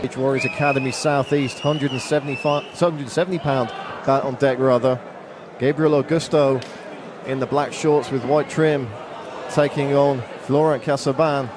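A man's voice: mid-range voice, fairly even intonation, measured pace. Male fight commentator over crowd noise. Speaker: play-by-play commentator. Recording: crowd and venue noise behind. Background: arena crowd.

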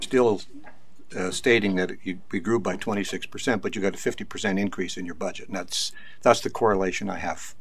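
Deep, halting skeptical councillor man. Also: fairly even intonation, husky. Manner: halting, many uh fillers, skeptical. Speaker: town councillor. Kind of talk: questioning at a council meeting. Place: council chamber, indoors.

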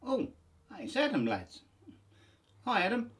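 A man's voice: high voice, wildly swooping pitch, takes it slowly, fairly bright tone. A man hosting a band video, chatting jokily to viewers and acting out a phone call in a music room. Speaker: band host. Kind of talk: casual chat.

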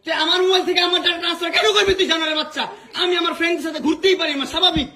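A young man in a heated domestic argument, shouting angry insults. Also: very high voice, steady tone, very fast. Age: young adult. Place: bedroom of a home.

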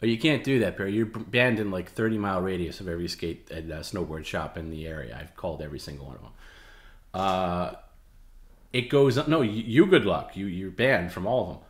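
A man with a deep, fairly quick voice hosts a livestream, mixing dramatic reading with casual talk. He repeats himself in an emphatic, goading way, and the sound is roomy and echoey.

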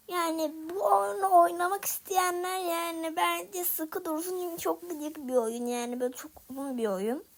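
A woman's voice: high-pitched, a little hiss or hum. A young woman giving casual gameplay commentary, talking to viewers and getting frustrated at a hard level. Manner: frustrated, talks to viewers while playing. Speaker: gaming video creator.

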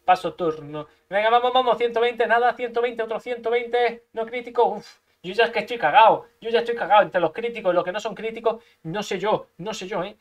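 This man's voice is high and fairly quick as he provides gameplay commentary on his own card game match. He mutters to himself, curses frequently, adds sound effects and bursts out in frustration now and then.

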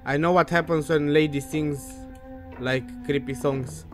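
A man's voice: fairly high pitch, fairly even intonation, unhurried. A man giving casual, nervous commentary as he plays a horror game, sounding scared and swearing freely. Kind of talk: casual let's-play commentary. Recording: game music behind the voice. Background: video game music.

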